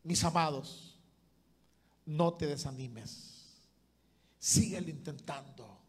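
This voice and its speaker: A man preaching. He delivers an impassioned sermon as pastor, rising to loud calls and dropping to hushed asides. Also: fairly high pitch, slow pace, slightly rough.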